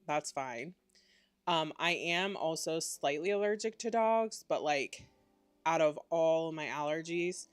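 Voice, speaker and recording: A woman's voice: deep voice, clear, resonant tone, no room sound. A woman hosting a live stream in casual, rambling chat, sounding congested and nasal. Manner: chatty and rambling, many "like"s. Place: at home at a computer.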